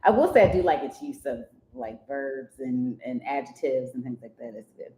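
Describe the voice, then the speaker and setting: A woman's voice: rumbling low, moderate pace, echoey room, poor audio. A woman from Maryland reading a story aloud and breaking off to joke and critique it. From Columbia, Maryland. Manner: animated, joking, interrupts to critique. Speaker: podcast co-host.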